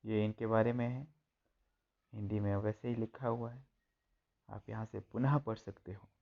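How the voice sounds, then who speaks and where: A man's voice: on the low side, steady tone, unhurried, creaky, lo-fi sound. A man teaching a school textbook lesson, reading each line and then translating and repeating it.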